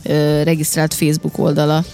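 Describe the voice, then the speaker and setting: A man's voice: completely flat delivery, gravelly, darkish tone, clean tone, soft background music. A man co-hosting a casual chat, telling stories and quoting others in raised voices. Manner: chatty, storytelling, quotes others in high voices.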